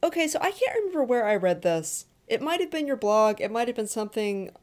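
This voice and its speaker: A woman's voice: a little high, sing-song, fairly quick, a little mellow. A woman author in a casual podcast chat, teasing her guest and laughing often.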